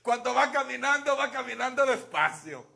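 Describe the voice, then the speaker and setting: High, gravelly bilingual preacher man. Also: lively intonation, moderate pace, pushed and bright. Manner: switches between Spanish and English, has the congregation repeat words. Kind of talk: bilingual sermon.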